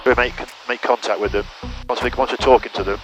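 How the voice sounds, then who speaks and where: A man's voice: mid-range voice, steady tone, fast talker, over loud music, rough recording. A man chatting casually and briefing as an instructing pilot over a cockpit intercom headset. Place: small aircraft cockpit in flight.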